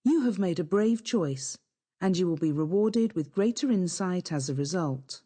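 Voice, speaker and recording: A woman narrating a scripted guided hypnosis session in a calm, soothing, instructive way. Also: on the low side, normal speed, husky.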